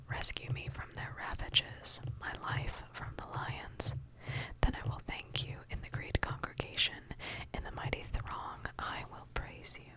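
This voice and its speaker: A woman whispering throughout in an unvoiced ASMR style as she reads scripture aloud. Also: rough recording. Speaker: ASMR reader.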